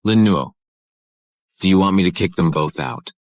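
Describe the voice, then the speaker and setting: A stern, deep-voiced hidden boss. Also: male voice, animated, moderate pace, dry recording. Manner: stern, commanding. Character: commanding young hidden boss posing as guard. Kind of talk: English drama dub. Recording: dry studio dub.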